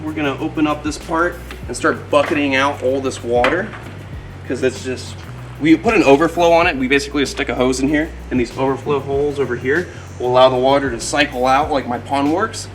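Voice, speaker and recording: A man's voice: medium pitch, steady tone, fairly quick. A man hosting a wildlife vlog outdoors, explaining what he is doing in an upbeat, informal way as he works. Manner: upbeat, informal, talks to viewers and animal. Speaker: wildlife video host. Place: outdoors at animal enclosures. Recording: music under outdoor speech.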